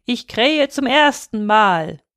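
A woman voicing a big golden rooster on a church tower, calling down slowly and evenly in a storybook. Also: fairly high pitch, animated, fairly bright tone, no echo, clean studio sound, full character voice. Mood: matter-of-fact. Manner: slow, measured, calling down.

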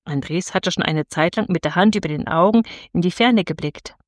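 A woman narrating a fairy tale in a gentle, measured storytelling voice. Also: on the low side, no echo, clean studio sound.

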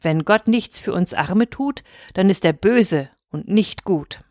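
A woman's voice: mid-range voice, lively intonation, takes it slowly, darkish tone, no room sound, clean studio sound. A woman voicing a bitter, indignant middle-aged master shepherd who complains about injustice. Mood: angry.

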